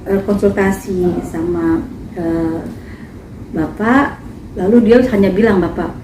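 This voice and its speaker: A woman's voice: fairly low pitch, slow pace, far from the mic. A woman singer making an emphatic, indignant statement at a press conference. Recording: echoey, from afar, faint noise.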